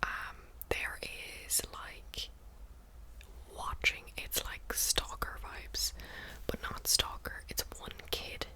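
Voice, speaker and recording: A woman whispering ASMR close to the mic in a casual book chat, breathy and unvoiced, softly repeating words and phrases. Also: slow pace, rough recording. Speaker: book review vlogger.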